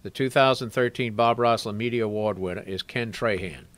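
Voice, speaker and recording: A man's voice: fairly low pitch, fairly quick. A man announcing awards at a press conference, reading formally from notes and stumbling now and then. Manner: reads from a script, stumbles over words.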